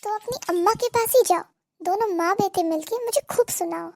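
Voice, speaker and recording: A woman's voice: very high-pitched, normal speed, vocal fry, a little mellow. A woman voicing a scolding, sarcastic mother-in-law in a cartoon comedy. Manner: nagging, sarcastic, theatrical complaining. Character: scolding middle-aged Indian mother-in-law.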